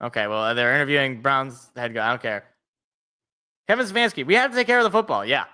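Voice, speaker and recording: A man's voice: mid-range voice, animated, quick pace, bright, forceful tone, clear, resonant tone. A man in his twenties, co-hosting a live football reaction stream, calling plays and joking with viewers in a self-deprecating way. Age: 20s. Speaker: sports podcast co-host. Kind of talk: live game reaction and play-by-play.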